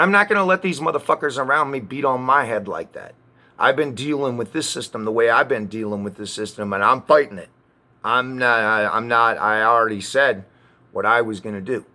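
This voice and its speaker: Angry guy ranting on camera, cusses a ton, keeps stopping and starting, bright edgy voice. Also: medium pitch. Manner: agitated, profane, halting. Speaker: vlogger.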